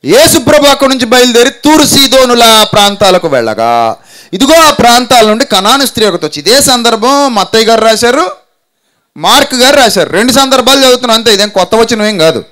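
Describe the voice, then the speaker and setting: A male pastor preaching a sermon, telling the story with animation and firing rhetorical questions at his listeners, sometimes dropping to a quiet voice. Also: very high-pitched, lively intonation, a little fast.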